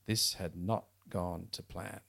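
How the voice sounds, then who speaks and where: Low, gravelly man reading aloud. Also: steady tone, takes it slowly, fairly bright tone. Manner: chatty, wry, with fillers and restarts. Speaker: author. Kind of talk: casual talk and reading aloud from his novel. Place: bookshop event.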